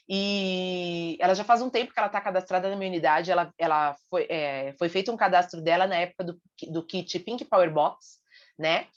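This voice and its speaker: A Brazilian woman with a mid-pitched voice gives a casual Bible lesson, talking in a chatty way, with many fillers and restarts. The recording sounds a little dull and lo-fi. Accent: Brazilian Portuguese. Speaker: Bible study teacher and sales team leader.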